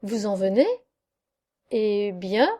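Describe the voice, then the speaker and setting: A grave, dark-winged angel, as a woman puts it on. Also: medium pitch, slow pace, voice pushed down. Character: solemn angel with dark wings, record keeper.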